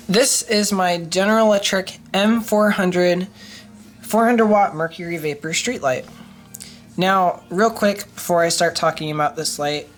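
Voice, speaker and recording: A young woman who collects streetlights vlogs a casual show-and-tell about her collection, enthusiastic and rambling with frequent ums and restarts. A cold has made her congested and stuffy, and her voice is lowish.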